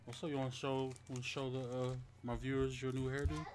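A man's voice: mid-range voice, level tone, a little fast, slight background noise. A man hosting a casual livestream, laid-back and greeting viewers by name. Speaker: channel host. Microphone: desk microphone.

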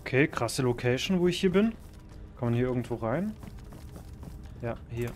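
Man, gameplay commentary, excitable, swears a lot, medium pitch, faint music behind. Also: moderate pace. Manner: excitable, swearing, thinking aloud, sudden loud outbursts. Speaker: gaming YouTuber.

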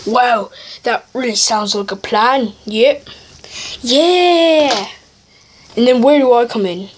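A woman's voice: on the high side, slow pace, slight background noise. A female speaker narrating a playful homemade toy skit in a chatty, rambling way.

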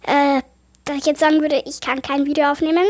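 Excitable high-voiced German gamer woman. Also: fairly quick, a little hiss or hum. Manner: excitable, easily startled, chatty. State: a little sick, voice affected. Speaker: gaming YouTuber. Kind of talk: horror game let's play commentary.

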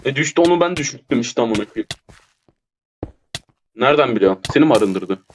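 A man playing an online game with a teammate, swearing constantly and shouting in frustration. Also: medium pitch, animated, fairly quick, slight background noise. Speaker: gamer streamer. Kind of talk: casual gameplay chat with teammate.

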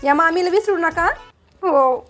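A woman's voice: extremely high pitch, a little slow, a bit bright, faint music behind. A woman playing a sweet, doting new aunt in a comedy sketch, coaxing a child and chatting on the phone. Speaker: comedy vlogger acting a new aunt-in-law. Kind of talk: one-sided comedy sketch, talking to unseen family.

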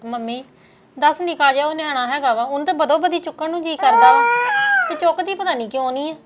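A woman's voice: high voice, fast talker, very noisy, natural voice. A woman playing a fussing, caring young sister-in-law in a Punjabi village web drama, homely and conversational, with a Punjabi accent. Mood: fretting.

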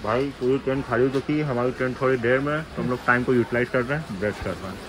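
A man's voice: medium pitch, fast talker. A young man in his twenties chatting casually to viewers on a phone camera while travelling by train and through busy stations. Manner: chatty, addresses viewers as "bhai" and "bhaiya". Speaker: vlogger. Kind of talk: casual travel vlog narration. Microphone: phone held at arm's length. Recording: phone vlog with loud traffic noise. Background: loud train and street noise.

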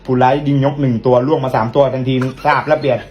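A man's voice: mid-range voice, fairly even intonation, rapid-fire, dull audio, background noise. A man giving mock police radio reports with sign-offs, as police radio chatter.

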